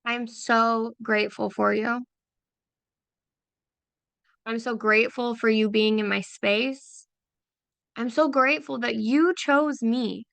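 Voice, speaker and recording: A meditation guide for creative business owners leads a slow guided visualization at a very slow, deliberate pace. Her slightly high, bright voice stays steady, soft and affirming, with a gravelly vocal fry edge, and she is unhurried and repeats phrases. The recording is dry and close.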